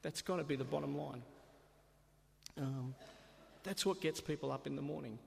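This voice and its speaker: A man's voice: on the high side, normal speed, creaky. A man preaching a sermon in a church, chatty and self-deprecating, asking the congregation rhetorical questions. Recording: long reverb of a church hall.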